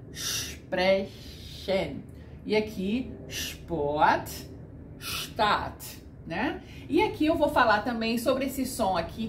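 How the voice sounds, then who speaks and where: A woman teaching pronunciation, speaking at an unhurried, deliberate pace. She models each sound carefully and patiently. Her voice rings in an echoey room over a faint hiss. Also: mid-range voice. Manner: patient, demonstrates sounds slowly. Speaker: German teacher. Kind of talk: pronunciation lesson.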